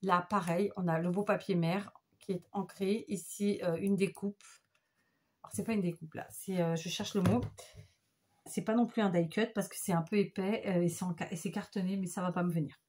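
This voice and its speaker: Husky, gushing woman crafter. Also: fairly low pitch, steady tone, moderate pace, dark tone. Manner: enthusiastic, chatty, gushing over crafts. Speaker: craft vlogger. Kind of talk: casual show-and-tell chat.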